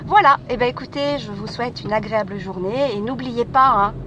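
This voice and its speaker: Talking fairly quickly in a somewhat high voice, this podcast host rambles through a casual, hesitant monologue, stumbling over fillers and restarts. Vehicles pass amid the street noise behind her.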